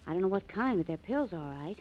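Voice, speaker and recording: A woman's voice: mid-range voice, lively intonation, quick pace, close to an everyday voice. An actress in an old radio show playing a detective's observant but timid female companion. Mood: curious. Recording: dull old radio recording.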